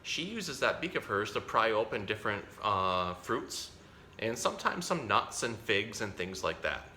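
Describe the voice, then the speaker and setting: A zookeeper hosting an animal storytime gives children a casual, chatty educational talk, keeping explanations simple and correcting himself along the way. His fairly low voice has big pitch swings, a sharp tone and a moderate pace, in a room with echo and faint background noise.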